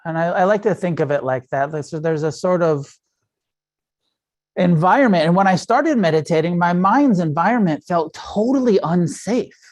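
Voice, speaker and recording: A man's voice: high voice, lively intonation, normal speed, darkish tone. A middle-aged man teaching meditation in a loose, conversational dharma talk. He speaks frankly, swears freely and often stops to restart a sentence. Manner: frank and profane, with frequent fillers and self-restarts.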